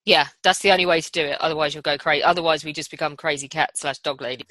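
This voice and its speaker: Bright, crisp-edged woman, dryly recorded. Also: deep voice, fairly even intonation, fast, dry recording. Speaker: podcast host. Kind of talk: casual podcast chat.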